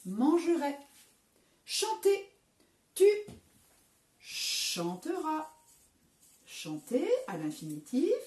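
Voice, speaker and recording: A woman's voice: a little high, dark tone, echoey room. A woman teacher with a French accent, giving a recorded lesson to young children, patiently spelling out word endings letter by letter. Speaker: primary school teacher. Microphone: camera some distance away.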